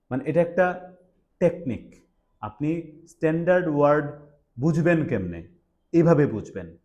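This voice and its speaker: Young male teacher, classroom lecture, warm dark timbre, explanatory. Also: a little high, highs cut off. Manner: explanatory, quizzes students, mixes English words into Bengali. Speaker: English teacher.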